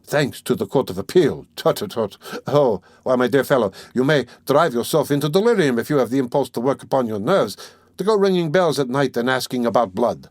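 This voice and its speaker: A man's voice: medium pitch, animated, fairly quick, no echo, clean studio sound, natural voice. A man voicing a sly, genial middle-aged examining lawyer who talks in a fussy, teasing way, in an audiobook reading. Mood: sly, chatty.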